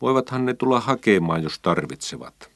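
A man's voice: fairly low pitch, sing-song, a bit bright, a little hiss or hum, pitched above the performer's own voice. Man putting on a sulky stubborn little boy. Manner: sulky, reluctant.

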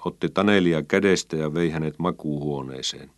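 A man reading a children's story aloud in a calm, measured way. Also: very deep voice, no echo, studio quality. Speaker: narrator.

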